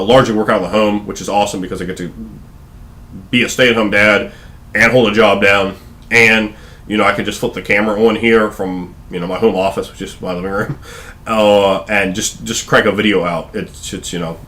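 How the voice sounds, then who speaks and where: A thirties-aged vlogger from Virginia, USA, rambles casually to camera in his living room with a Southern accent, full of fillers and restarts. His voice is lowish and a bit bright, in a casual talking-head vlog.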